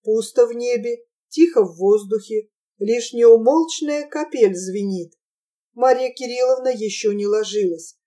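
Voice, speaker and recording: A woman reading a novel aloud as an audiobook narrator, in an even, measured storytelling manner. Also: on the high side. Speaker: audiobook reader.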